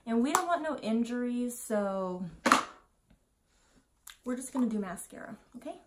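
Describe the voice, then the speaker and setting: A woman's voice: fairly high pitch, animated, normal speed, background noise. A woman in her twenties, tipsy from wine, chatting casually and scatterbrained through a makeup tutorial, muttering self-deprecating asides to herself. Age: 20s. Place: small indoor room at home.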